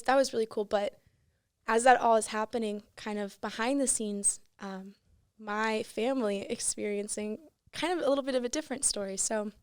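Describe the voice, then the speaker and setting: A woman's voice: medium pitch, no room sound, studio quality. A teenage woman, a podcast guest, telling her personal story in a casual, earnest way with lots of fillers. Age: teens. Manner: earnest, frequent "like" and "you know". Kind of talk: casual chat, personal testimony.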